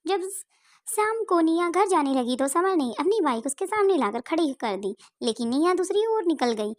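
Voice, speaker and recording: High-voiced woman narrating a story. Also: big pitch swings, moderate pace.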